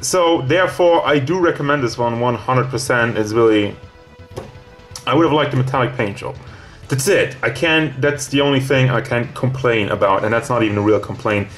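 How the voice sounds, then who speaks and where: A man's voice: mid-range voice, moderate pace, fairly bright tone. A man reviewing a toy figure in a casual, rambling way, hot and out of breath, with faint music behind him. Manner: rambling, casual, self-correcting.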